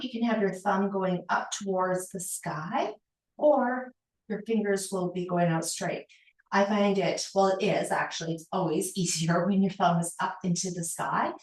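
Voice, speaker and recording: Female aerobics instructor, unhurried and encouraging, counting and cueing moves in short phrases, very reverberant room sound. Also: fairly low pitch. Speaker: fitness instructor. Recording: roomy, echoing indoor sound.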